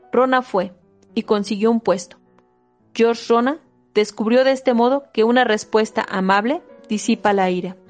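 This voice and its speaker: This is an audiobook reader, a woman with a voice on the high side, giving a steady, measured reading of a self-help book. She makes a few small slips and restarts along the way.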